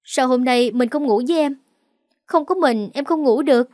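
A woman voicing a scheming second wife of a rich household, loud and accusing in a storybook reading. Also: high-pitched, normal speed, no echo, studio quality, pitched above the performer's own voice, natural voice. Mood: whining.

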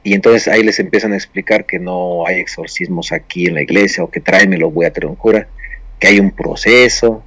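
A man tells a story in a casual, rambling way, full of restarts and fillers. His voice sits on the low side. The sound is dry and close, with no room around it. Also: brisk, a bit bright, breathy edge, no echo. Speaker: storyteller on a paranormal show.

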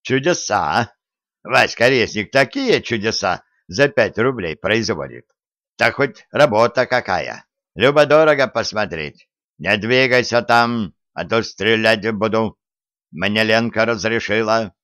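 A man voicing a grumpy, stubborn old grandfather who scolds and shouts threats, in an audiobook. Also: fairly low pitch, lively intonation, unhurried, no room sound. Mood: scolding. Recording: dry, slightly dull audiobook recording.

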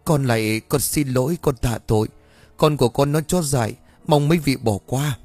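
A man's voice: mid-range voice, moderate pace, a little mellow, no echo, soft background music, voice pushed up, natural voice. A man voicing an anxious, deferential mother who pleads hesitantly with a shaman. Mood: pleading.

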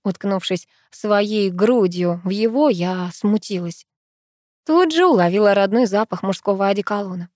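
A woman narrates a story in the first person with lively, expressive delivery. Her voice sits in a middle range, recorded dry and close with no room sound. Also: mid-range voice, normal speed, no room sound. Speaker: audiobook narrator.

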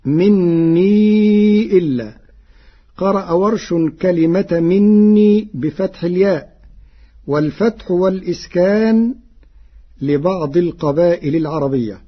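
A man teaching Quran reading variants in a measured, scholarly way, with an Egyptian accent, on a dull radio broadcast. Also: sits high, slightly rough. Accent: Egyptian Arabic. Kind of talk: explaining Warsh reading variants.

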